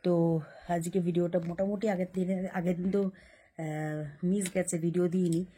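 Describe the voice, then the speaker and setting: A woman's voice: lowish voice, level tone, moderate pace, warm tone, husky. A young woman vlogging casually from her bedroom at night, rambling and explaining at length. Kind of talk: casual chat to camera. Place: home bedroom, lying under a blanket.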